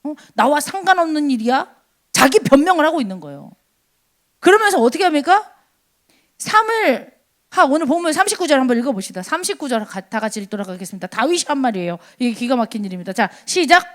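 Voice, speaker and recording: Animated woman preaching a sermon. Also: sits high, fast. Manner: animated, with rhetorical questions and acted quotes. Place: church service.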